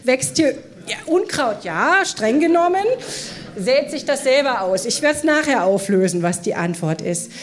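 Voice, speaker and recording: A woman's voice: sits high, lively intonation, unhurried. A woman preaching a sermon at a church service, asking the congregation questions and drawing them into the talk. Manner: engaging, asks the congregation questions.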